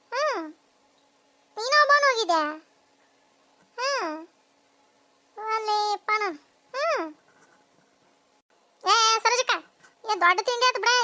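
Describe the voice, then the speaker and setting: Shrill squabbling cartoon village women. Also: sharp tone, full character voice. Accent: North Karnataka Kannada. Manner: shrill, scolding, quick back-and-forth banter. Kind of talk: cartoon voice acting.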